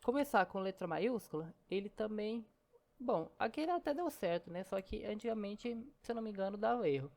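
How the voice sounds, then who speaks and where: In a relaxed screen-recorded coding lesson, a woman who teaches programming explains things step by step at a quick clip, chatty and peppering her speech with "ó" and "né". Her voice is expressive, mid-pitched, and darkish, with typing audible in the background.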